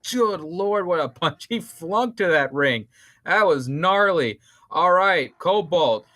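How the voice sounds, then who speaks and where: A man doing excitable, rambling play-by-play commentary on a fan-league boxing match. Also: on the high side, slow pace. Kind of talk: esports-style match commentary.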